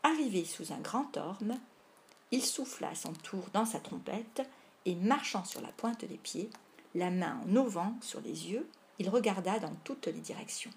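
A woman reading a classic novel aloud as narrator, in a measured storytelling manner. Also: mid-range voice, lively intonation, a little hiss or hum. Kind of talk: audiobook narration.

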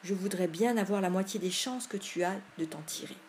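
A jittery, scruffy young boy who frets at every sound, as a woman reader gives him voice. He keeps asking anxious questions and sounds fearful and low-spirited. The voice sits slightly low. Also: fairly quick, darkish tone, slight background noise, natural voice. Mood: glum. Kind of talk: audiobook character voice.

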